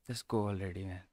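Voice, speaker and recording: A man's voice: on the low side, dry recording. A man streaming live trades, muttering to himself and breaking into short exclamations as prices move. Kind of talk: casual live commentary.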